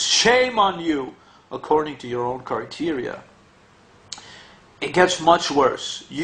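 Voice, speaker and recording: A man's voice: on the high side, a bit bright. A man delivering an argumentative video monologue in a sarcastic, mocking tone, firing rhetorical questions at his listeners. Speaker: religious commentator.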